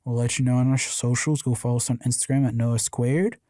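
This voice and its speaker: A young man co-hosting a podcast with a mellow, dark tone. He rambles through fillers and restarts in a sleepy monotone. The sound is close and dry. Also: medium pitch, brisk, no echo. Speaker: podcast co-host. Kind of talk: casual chat.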